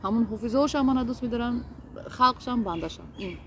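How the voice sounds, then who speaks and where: Earnest woman, halting speech. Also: fairly high pitch, slight background noise. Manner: earnest, hesitant, many restarts and fillers. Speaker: interview guest. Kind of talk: casual interview.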